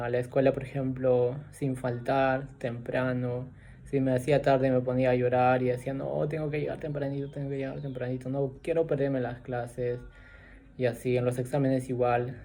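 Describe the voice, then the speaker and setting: A young man tells his own faith testimony off the cuff. His voice is mellow and dark, and his pitch stays flat and even. He pauses often, fills gaps and keeps asking "right?". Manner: soft-spoken, halting with many fillers and tag questions. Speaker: storyteller sharing his testimony. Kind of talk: personal faith testimony, unscripted.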